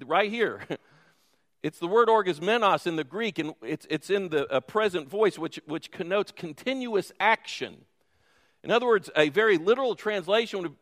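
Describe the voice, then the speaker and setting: A man's voice: high-pitched, fairly bright tone. A man preaching a sermon in a conversational way, asking the congregation questions and joking with them. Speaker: pastor. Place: church sanctuary. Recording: reverberant church hall.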